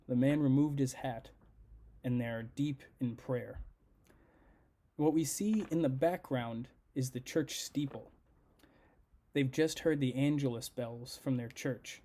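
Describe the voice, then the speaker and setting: Earnest man with a soft, mellow voice. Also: medium pitch. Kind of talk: prepared devotional message.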